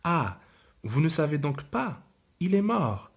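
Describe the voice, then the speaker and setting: A small, shy little girl speaks in a high, innocent voice, put on by a man reading aloud. She sounds puzzled and childlike, as in a storybook reading. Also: very animated, slow, creaky, exaggerated voice. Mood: surprised.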